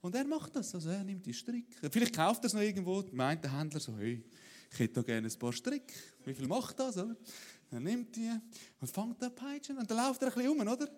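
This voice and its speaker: A man preaching a sermon in a lively, conversational way, often asking "oder?". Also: high voice, brisk. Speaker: pastor.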